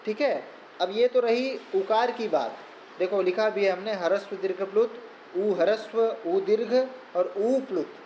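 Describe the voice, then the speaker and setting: A man's voice: high voice, unhurried, a little mellow, dull audio. A man teaching Sanskrit grammar in a recorded lesson, explaining patiently step by step and repeating key points. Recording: echoey room with faint background noise.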